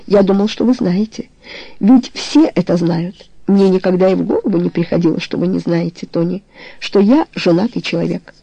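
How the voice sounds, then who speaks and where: Here is a tormented lover from an audiobook romance, voiced by the reader in their own register. He confesses in halting, pleading bursts, and his voice is gravelly and dark. It sits close and dry, with no room around it. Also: medium pitch, dry recording, rough recording. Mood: stricken. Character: tormented married man confessing love.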